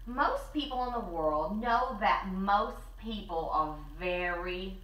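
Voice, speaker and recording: In a cozy living room lined with bookshelves and a fireplace, a medium-pitched woman shares hosting duties for an animated children's read-aloud. She draws out words as she reads the picture book with careful expressiveness, and the camera mic sounds roomy and a bit far off.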